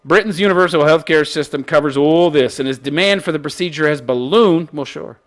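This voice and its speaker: On his opinion commentary show, a male host rattles through news items fairly quickly, ridiculing them with coarse language and over-the-top brashness. His pitch runs on the high side.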